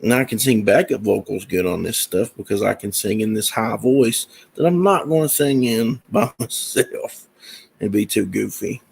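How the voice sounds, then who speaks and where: Speaking to his viewers on camera, a musician and comic creator wanders loosely through talk of his music and projects, leaning heavily on fillers. His voice is fairly low with vocal fry and a breathy edge, moving at a moderate pace.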